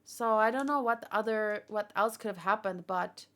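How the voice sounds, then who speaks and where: Tired from a long stream, this woman speaks at normal speed in a mid-range, slightly bright voice. Her talk is loose and casual, drifting through fan theories as she muses aloud to the people watching live.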